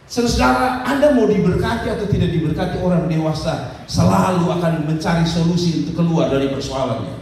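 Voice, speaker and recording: Pastor preaching, echoing hall. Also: male voice, sits high, darkish tone, slight background noise. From Indonesia. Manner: direct, scolding, repeats phrases for emphasis; calls out to the congregation with "saudara" and "amin". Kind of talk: sermon. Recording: echoey hall recorded from far off, faint ambience.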